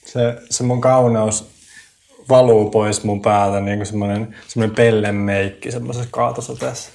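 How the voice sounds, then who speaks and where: A man playing a tabletop game, describing his character in an animated, playful way. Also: on the low side, gravelly, a little hiss or hum. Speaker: player. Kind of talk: casual tabletop play.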